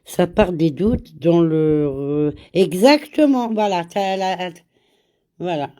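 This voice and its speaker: A live stream host with a cold speaks in a warm voice on the low side. In the relaxed chat she talks slowly and repeats words, greeting viewers by name and using Arabic greetings here and there.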